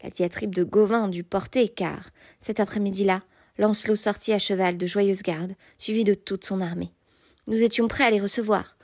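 A woman narrating an audiobook in a measured, softly hushed reading. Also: mid-range voice, steady tone, no room sound, studio quality.

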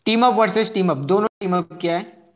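A man's voice: high voice, fairly quick, muffled recording, noisy background. A young man hosting a casual live game stream, chatting with viewers, repeating himself and asking for likes. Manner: chatty, answers viewers' chat messages one by one.

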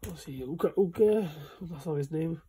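A man's voice: a little high, moderate pace, warm tone. A young Welsh man chatting casually as he shows his games room, rambling with many fillers, recorded on a handheld phone. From Wales. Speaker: vlogger giving a room tour. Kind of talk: casual chat. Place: small indoor games room at home. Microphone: phone camera held in hand.

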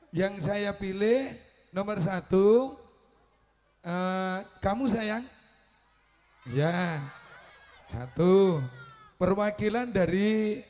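A man with an East Javanese accent banters playfully with the crowd as preacher and emcee. His voice is notably high, and he takes his time. He teases people and laughs often. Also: a little mellow.

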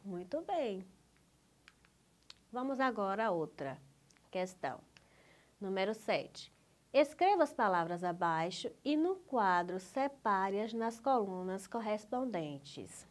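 A woman teacher with a Brazilian Portuguese accent takes young pupils through a school lesson. She talks slowly and clearly, drawing out each word, in a patient, coaxing manner at a middling pitch. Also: lively intonation.

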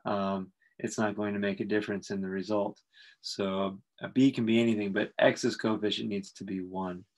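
A man with a lowish voice walks through calculus steps for his students. He explains in a relaxed, thinking-aloud manner, pausing on fillers as he goes. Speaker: math instructor. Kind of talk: recorded calculus lecture.

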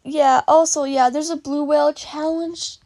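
A woman casually reacting to fan art, excitable and giggly, gasping and exclaiming often. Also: sits high, a little slow, background noise.

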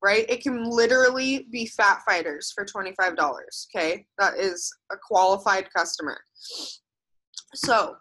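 A woman's voice: medium pitch, a bit bright, rough recording. A young woman giving a casual, emphatic motivational coaching talk to her sales team on a video call, often saying "like". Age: young adult. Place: seated by a house door on a video call.

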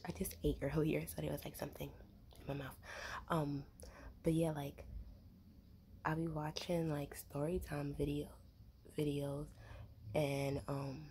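A young woman rambling in a soft, half-whispered ASMR voice while chewing gum, with lots of fillers, close to the mic. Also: low-pitched, little pitch movement, unhurried, pauses often, slight background noise. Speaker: ASMR creator.

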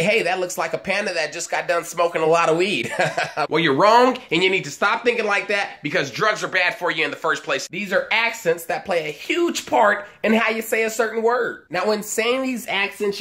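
A man's voice: sits high, brisk, pushed and bright. A man hosting a comedic mock language lesson, joking crudely and laughing along the way. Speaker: comedy video host.

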